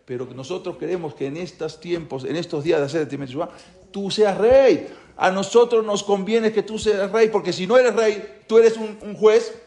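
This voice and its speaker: A man teaching a religious class, talking in an animated way and asking rhetorical questions. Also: high voice, normal speed. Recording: roomy echo.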